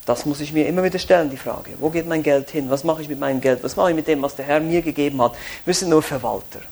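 A man's voice: fairly high pitch, quick pace, a little mellow, slightly rough. A pastor preaching a sermon, earnest and asking his listeners many searching questions.

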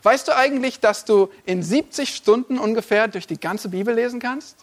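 A man's voice: very high voice, moderate pace. A male pastor preaching a sermon, addressing listeners directly with emphatic, repeated lists.

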